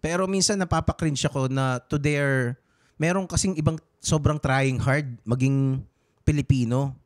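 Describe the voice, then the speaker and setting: A man's voice: mid-range voice, unhurried. A man with a Filipino accent co-hosting a podcast, talking casually in a rambling, hesitant way with many fillers and restarts, switching between Tagalog and English. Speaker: podcast co-host. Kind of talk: casual chat.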